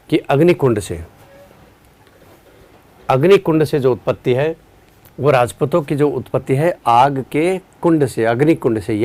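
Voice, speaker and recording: A male teacher with a fairly high-pitched voice runs a live online exam-prep lesson at a relaxed, unhurried pace. Fatigued at the end of a long day, he quizzes students and responds to their chat messages.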